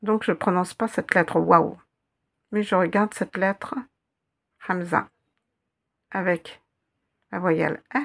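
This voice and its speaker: A woman's voice: fairly low pitch, steady tone, slow, vocal fry, pauses often. A woman teaching a reading lesson, patiently spelling out letters and repeating each word several times. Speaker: Arabic teacher.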